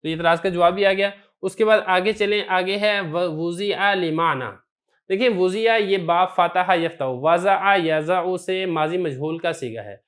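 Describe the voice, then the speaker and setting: A man teaching an online lesson in a methodical, step-by-step way. His voice sits a little higher than most men's. He often stops to pose a question and then answers it himself. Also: hardly any pauses, a bit bright. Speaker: teacher of Arabic grammar. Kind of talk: recorded lesson explanation.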